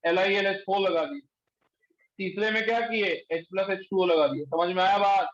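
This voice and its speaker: A male chemistry teacher lecturing a class in speech, quizzing students and pushing them to answer quickly. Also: sits high, a bit bright. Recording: echoey room, dull lo-fi sound.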